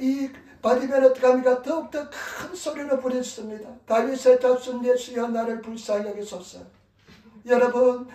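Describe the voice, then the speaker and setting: A man's voice: very high-pitched, darkish tone, far from the mic. A male pastor preaching a sermon in a church, pleading emphatically and repeating his exhortations. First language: Korean, preaching in Korean in Japan. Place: church sanctuary. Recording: echoey room, voice from off-mic.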